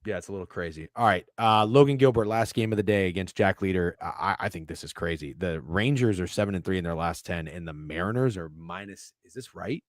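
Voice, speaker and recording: A man co-hosting a sports betting podcast in casual chat, excitable, swearing freely and tripping over his words. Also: low voice, fairly quick, hardly any pauses, dry recording, studio quality.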